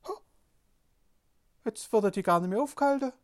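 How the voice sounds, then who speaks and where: A storyteller tells a Bible story as an eyewitness, stammering with excitement and asking question after question. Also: mid-range voice, normal speed. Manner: excited, stammering, asks many wondering questions.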